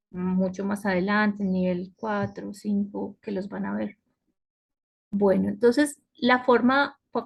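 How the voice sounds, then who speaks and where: A woman's voice: medium pitch, creaky. A woman teaching an online English class, explaining step by step and often checking with her students. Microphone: computer mic on a web conference.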